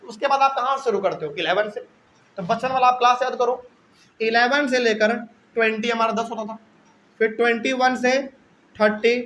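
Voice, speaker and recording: Working through a math lesson step by step, a high-voiced man poses questions and then supplies the answers. His pace is normal and his tone a bit bright, while a faint hiss runs under the low-quality recording.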